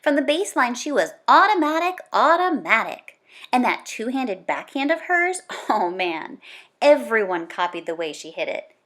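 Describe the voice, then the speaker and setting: Her voice a little high and her pace moderate, a woman reads a children's book the way a teacher might. It's animated and conversational, with repeated words given strong emphasis.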